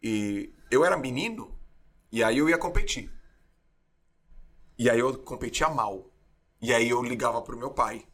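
A man's voice: mid-range voice, a little slow, long pauses. A man in his forties, a former swimmer, telling stories in a casual interview and acting out the voices of people he quotes. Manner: animated storyteller, acts out quotes.

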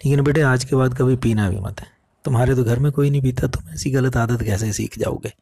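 A man voicing a gentle, loving aunt who speaks softly and calmly. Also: mid-range voice, a little fast, vocal fry, slightly rough. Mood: gently firm. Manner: soft, calm, affectionate questioning.

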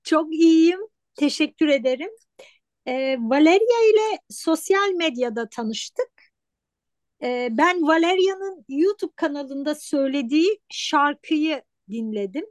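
A woman's voice: high-pitched, animated, a little slow, no echo. A woman hosting a casual interview, asking her guest questions. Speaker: host, interviewer.

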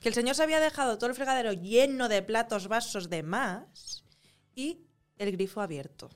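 Actress guest, female, somewhat high voice, animated storyteller. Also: normal speed. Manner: animated storyteller, acts out her own quotes. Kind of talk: lively anecdote in casual chat.

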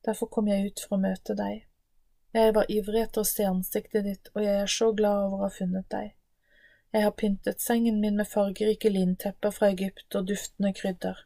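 Here is a seductive married woman, read by a woman from a scripture reading. She coaxes with eager, flattering words. The voice stays level and mellow, recorded dry and close. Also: medium pitch, creaky, dry recording. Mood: coaxing.

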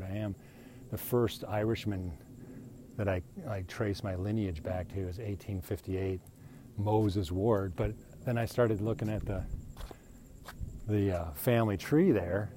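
A man in his fifties hosts a solo podcast, chatting casually in a rambling, self-deprecating way and often tossing in "right?" as an aside. His voice is fairly low and warm, moving at a moderate pace, with a little hiss or hum in the background.

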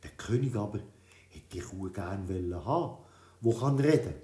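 A man reading a children's story, in a lively, expressive telling. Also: on the low side, moderate pace. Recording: roomy echo.

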